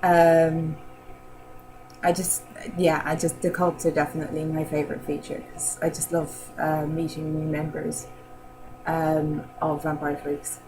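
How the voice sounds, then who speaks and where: A woman chatting casually in a rambling vlog, filling pauses with "um" and laughing often. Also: low-pitched, flat delivery, noisy background. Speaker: vlogger answering model-challenge questions. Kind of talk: casual chat.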